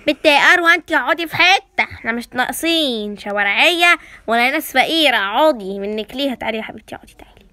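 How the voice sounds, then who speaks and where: A woman's voice: high-pitched, animated, fast talker, sharp tone, no room sound. A woman with an Egyptian accent voicing a bossy elderly auntie with aching knees, scolding the others in a storybook role-play. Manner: scolding, commanding.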